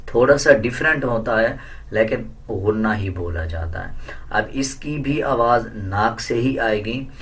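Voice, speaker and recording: A man teaching how to recite the Quran, explaining the rules calmly and then chanting the verses slowly and melodiously, far louder than his explanations. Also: mid-range voice.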